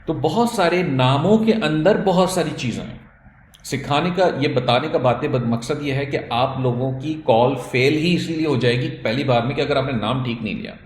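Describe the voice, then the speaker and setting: A man's voice: medium pitch, reverberant. A man with a Pakistani accent, an ecommerce trainer giving an instructional talk, mixing English phrases into his explanations and acting out example pronunciations.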